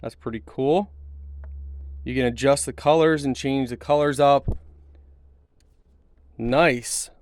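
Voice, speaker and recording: Speaking slowly with long pauses and a steady, medium-pitched tone, a product reviewer does an informal unboxing and demo, approving of what he shows. Handling clicks and noticeable background noise are audible in the recording.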